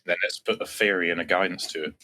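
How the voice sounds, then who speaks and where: A man's voice: sits low, fast talker, bright, forceful tone, a little hiss or hum. A man who is a guest on a casual podcast chat, joking and bantering playfully.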